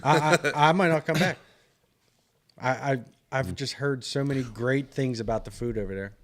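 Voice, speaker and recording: A man's voice: mid-range voice, normal speed, a bit bright. A man, co-hosting a podcast, chatting enthusiastically and swearing freely. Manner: profane, enthusiastic. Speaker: podcast co-host. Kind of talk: casual chat.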